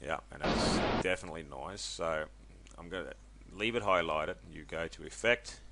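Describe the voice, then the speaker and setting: A man casually walking viewers through a software tutorial, chatty and loose, with many ums and self-corrections. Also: deep voice, normal speed, noisy background. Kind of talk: casual screen-recorded tutorial.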